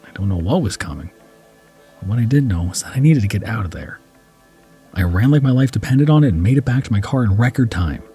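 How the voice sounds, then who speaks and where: A man reading a first-person horror story as narrator, slow and dramatic, dropping to a hushed whisper at tense moments. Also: lowish voice, expressive, slightly rough, faint music behind.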